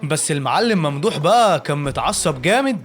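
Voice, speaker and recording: A man's voice: a little high, expressive, fast talker, faint music behind. A man with an Egyptian accent narrating an anime recap in a chatty, joking way, talking straight to the listener. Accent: Egyptian Arabic. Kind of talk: fast casual storytelling recap.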